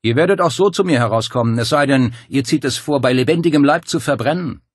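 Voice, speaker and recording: A man voicing a calm, persuasive male cult leader who coaxes and quietly threatens. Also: medium pitch, fast, no echo, clean studio sound, pitched above the performer's own voice, natural voice. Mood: menacing. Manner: smooth, coaxing, quietly menacing.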